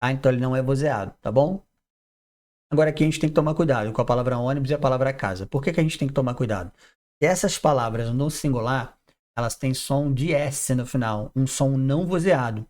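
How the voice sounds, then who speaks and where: A man's voice: mid-range voice, darkish tone. A man teaching English pronunciation, reading out word lists one by one with short explanations in between. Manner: slow, drawn-out word drills with explanations. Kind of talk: didactic pronunciation lesson.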